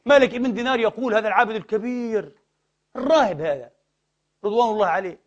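A male preacher delivers a sermon at a rapid clip. His voice sits high, and he drives his points home by firing rhetorical questions and repeating key words. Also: lo-fi sound. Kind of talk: sermon lecture to a congregation.

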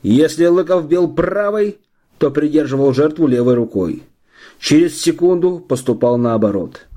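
A male audiobook narrator tells the story in a steady, measured way. His voice is mellow and dark, with a husky edge. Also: fairly high pitch. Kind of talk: scripted narration.

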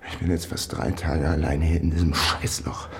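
An actor playing a frightened, sardonic man alone in the dark, colloquial and intense, in a radio drama. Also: a bass voice, fairly even intonation, normal speed, slight background noise. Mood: panicked, despairing. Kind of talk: dramatic radio play monologue and dialogue.

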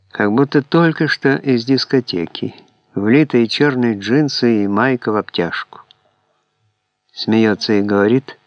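A man calmly reading an audiobook in a measured, scripted narration. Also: on the low side, no echo. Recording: dull, dry lo-fi MP3 audiobook recording.

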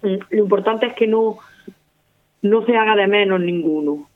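A woman's voice: mid-range voice, normal speed. A woman with an Andalusian accent arguing her point in casual radio talk, laying it out through repeated examples. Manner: argumentative, explains with repeated examples. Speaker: guest running a language-teaching project. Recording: narrow phone-like sound.

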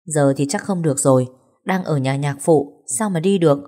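Worried young husband, voiced by a woman narrator; low, warm read for an audiobook. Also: normal speed, natural voice. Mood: concerned.

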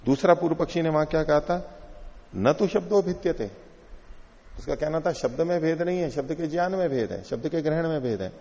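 A man teaching a classroom philosophy lecture, patiently explaining by repeating and rephrasing points and quoting Sanskrit slowly. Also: fairly high pitch, a little mellow. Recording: dull lo-fi sound in a long-reverb hall.

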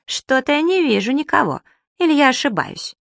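Lady reading as a boastful show-off creature, high and bratty, dry close audiobook sound. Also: big pitch swings, moderate pace, a bit bright, no echo. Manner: brash, teasing, theatrical. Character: boastful cheeky magical male creature. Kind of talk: audiobook character voice.

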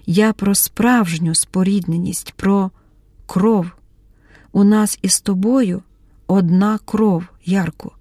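A woman reading an audiobook, voicing a tense young woman who breaks into hysterical shouting. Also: medium pitch, fairly even intonation, slow pace, dry recording, clean studio sound. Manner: shouting, pleading outbursts.

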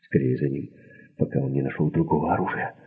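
A man reading aloud, voicing a frightened young woman who presses her partner to act, in an urgent, husky whisper. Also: rumbling low, steady tone, fast, heavily acted. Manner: whispered, pleading, insistent. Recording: narrow phone-like sound.

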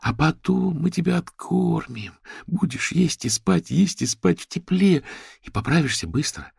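Audiobook figure: an effusive, tender woman, done by a man, frantic in manner, lifted high. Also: sing-song, a little slow, vocal fry, a little mellow, slightly rough, dry recording, clean studio sound, exaggerated voice. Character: woman writer, fervent and doting.

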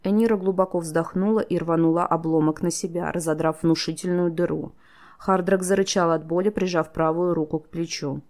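Woman narrator, audiobook, low voice, gravelly fry, steady storytelling. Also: fairly quick. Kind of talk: scripted narration.

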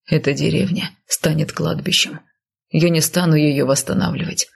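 A woman voicing a stern but tender northern man, in whispered role-play with a low, husky whisper. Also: steady tone, normal speed, full character voice. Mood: firm. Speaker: male character voiced by narrator.

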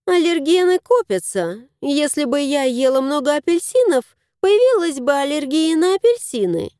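A woman's voice: sits high, very animated, normal speed, mellow, no room sound, clean studio sound, voice pushed up. A woman voicing a sweet-talking, scheming young woman guest in a storybook reading. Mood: impatient. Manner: sweet, affected. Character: sly sugary young woman house guest.

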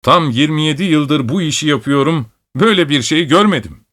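A man doing a police inspector, jovial, excitable, exclaiming, higher voice. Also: fairly quick.

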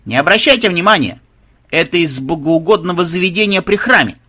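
A man's voice: high voice, expressive, fairly quick, pushed and bright, slightly rough, voice pushed up, heavily acted. A man voicing an obliging male temple guide with a folksy, reassuring manner.

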